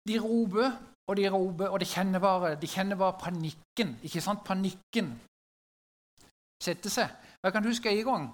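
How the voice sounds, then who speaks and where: A high-pitched, middle-aged man tells a story to a gathered audience in a conversational way, often turning to his listeners with little questions.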